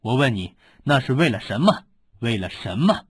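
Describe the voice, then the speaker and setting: A man's voice: mid-range voice, big pitch swings, normal speed, breathy edge, no echo. A man voicing a scheming, cruel older swordsman who gloats over a captured rival. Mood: sneering. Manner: sneering, gloating.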